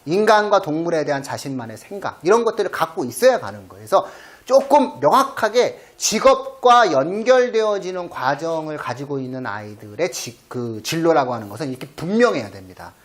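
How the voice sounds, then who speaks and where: A man's voice: fairly high pitch, fairly quick, few pauses. A middle-aged man hosting an education channel, talking casually and acting out his own lines with gusto. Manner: lively storyteller, acts out his own lines to cats. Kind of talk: casual explanatory talk.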